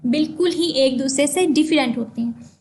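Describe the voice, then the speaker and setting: Woman teacher, high voice, spells words aloud, faint hiss behind. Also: darkish tone. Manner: explains slowly and asks questions to the class. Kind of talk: online class lesson.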